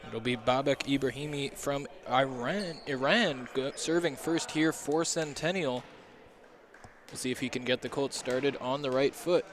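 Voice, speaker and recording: A man's voice: mid-range voice, unhurried, fairly bright tone. A man giving live play-by-play commentary on a volleyball game from courtside. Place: courtside in a gym. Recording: clear background gym noise.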